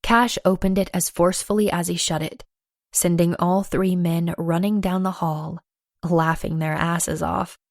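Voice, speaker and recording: A woman narrating a first-person romance audiobook, playful and lively with acted dialogue. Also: fairly low pitch, unhurried, no room sound, clean studio sound.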